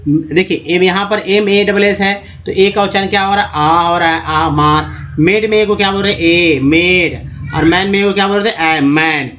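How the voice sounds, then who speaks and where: A man teaches English pronunciation in a fairly high voice. He speaks slowly, spelling out letters one at a time and repeating each example word in a steady, explaining tone. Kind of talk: screen-based spoken lesson.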